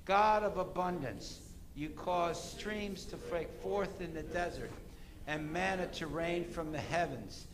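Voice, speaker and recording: Higher-voiced male pastor leading church liturgy. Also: slow, a crowd in the background. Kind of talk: church liturgy, formal prayer. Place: indoors, church service. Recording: background noise, church room ambience.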